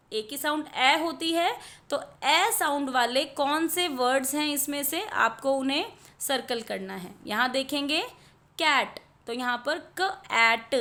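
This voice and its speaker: A woman's voice: high voice, sharp tone. A woman teaching a children's worksheet, patiently explaining each answer and sounding out words letter by letter. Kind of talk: worksheet lesson in Hindi with English words.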